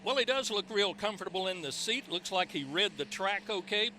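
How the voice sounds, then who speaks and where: A man's voice: high-pitched, brisk, sharp tone. A man hosting as a tractor pull announcer, presenting play-by-play commentary. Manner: presentational, introducing and recapping. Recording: noisy outdoor track with engine noise. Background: outdoor ambience and vehicle engines.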